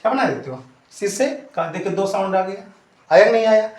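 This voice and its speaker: A man's voice: high voice, fairly quick, darkish tone, reverberant. A man teaching an English lesson, asking questions and answering them himself and repeating each point, addressing his students fondly. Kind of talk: classroom-style lesson.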